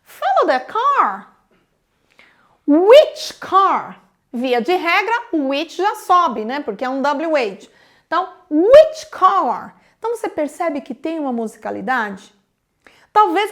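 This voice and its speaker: A woman's voice: high voice, fairly bright tone. A woman with a Brazilian Portuguese accent teaching English in a live online lesson, explaining step by step and often adding "né?". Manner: explains step by step, tags sentences with "né?".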